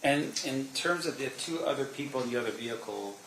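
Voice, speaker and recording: Man cross-examining, halting, in an echoey room. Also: medium pitch, lively intonation, fairly bright tone. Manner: halting, probing leading questions. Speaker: attorney cross-examining a witness. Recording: roomy echo, faint background noise.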